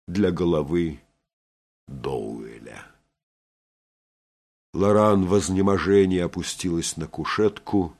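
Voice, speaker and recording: A man giving scripted audiobook narration in a measured, expressive way. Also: sits low.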